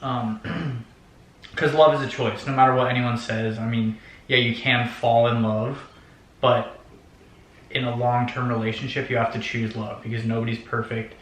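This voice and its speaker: A man in his twenties from Oregon, chatting casually in a Q&A vlog, relaxed and hesitant with many ums. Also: mid-range voice, moderate pace, echoey room. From Oregon, United States. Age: 20s. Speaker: vlogger, youth missions worker. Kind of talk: casual Q&A chat.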